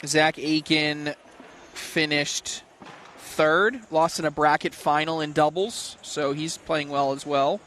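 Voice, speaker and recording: A man's voice: on the high side, steady tone, slow pace, fairly bright tone, a little hiss or hum. A man commenting on a cornhole tournament from a booth, analytical and bantering with his co-host. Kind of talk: casual sports commentary.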